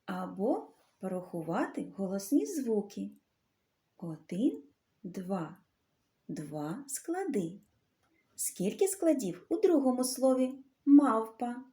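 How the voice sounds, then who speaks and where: A woman teaching a literacy lesson to young children. She talks slowly and clearly and draws out the sounds. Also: a little high, big pitch swings, mellow. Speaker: primary school teacher.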